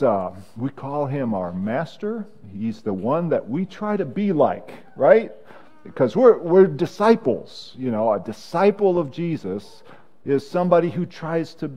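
A male pastor giving a children's message in a church sanctuary, talking gently and haltingly with many fillers, then leading a prayer. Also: a little high.

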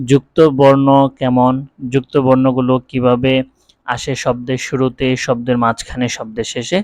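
A man teaching Quran reading, spelling out letters and vowel marks one syllable at a time, with quicker explanations between the drills. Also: on the high side, fairly bright tone, dry recording. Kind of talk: recorded spelling lesson.

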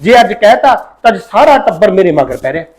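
In an amateur village family drama, a man plays the son, a young police officer, insisting and pleading rapidly with his mother over his marriage. His voice is high-pitched, slightly mellow, and sounds natural.

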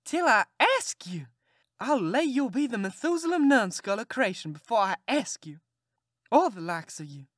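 A woman voicing Aunt Sally, a fussy, sharp-tongued Southern farm aunt who scolds and exclaims. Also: mid-range voice, very animated, moderate pace, dry recording, studio quality. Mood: scolding.

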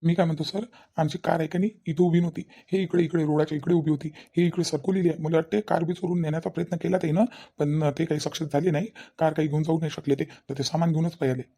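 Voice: mid-range voice, flat delivery, fast, warm tone, breathy edge. Someone voicing a reassuring young robbery victim. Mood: explaining. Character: young man whose car was robbed. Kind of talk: cartoon comedy voice acting.

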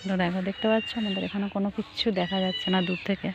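A woman talking softly and chattily into her phone outdoors in the cold early morning, sounding chilled. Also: mid-range voice, fairly even intonation, rapid-fire, dull audio. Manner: soft, hushed, chatty. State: cold and shivering. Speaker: village vlogger. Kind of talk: casual vlog walkthrough. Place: outdoors in foggy fields at dawn. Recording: faint outdoor noise.

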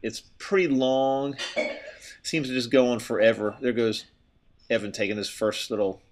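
A man's voice: medium pitch, steady tone, normal speed, darkish tone. A middle-aged man, out of breath, giving stop-and-start commentary while skiing outdoors, recorded on a helmet camera. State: winded from exertion. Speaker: skier filming with a helmet camera. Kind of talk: casual narration while skiing. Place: outdoors on a steep ski slope. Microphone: helmet-mounted camera.

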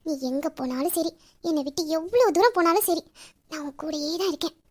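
Brief: woman doing a young devoted wife, very high and sweet, pouting and affectionate. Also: lively intonation, a little fast, a little mellow. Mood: soothing. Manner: sweet, sulky, soothing. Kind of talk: audio drama acting.

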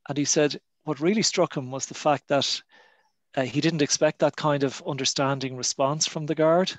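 Gentle hesitant Irish man. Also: fairly high pitch, fairly even intonation, normal speed, no echo. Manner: gentle, hesitant, many fillers. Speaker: bereavement panelist. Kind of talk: online panel discussion. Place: home, video call.

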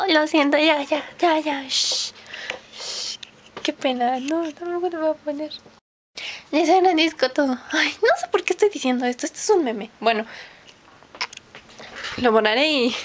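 Very high cute-voiced young woman. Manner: exaggerated high cute voice, giggly and bashful. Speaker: fandubber. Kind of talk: cute voice meme. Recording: music playing loudly underneath.

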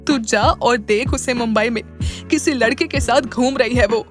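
A woman's voice: on the high side, moderate pace, faint music behind, lightly acted. A woman voicing an angry, remorseful young husband in an audio drama, talking in a heated, pleading way. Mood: bitter.

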